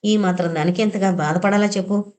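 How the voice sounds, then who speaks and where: A woman voicing a loyal older male friend who talks in a brisk, reassuring, familiar way. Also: mid-range voice, steady tone, a little mellow, natural voice. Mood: concerned.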